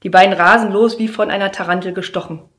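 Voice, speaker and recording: A young woman trainee teacher performing a humorous slam poem, telling a classroom story in a lively way with sudden shouts. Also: mid-range voice, fast talker. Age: young adult. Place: theater stage. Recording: roomy echoey stage sound.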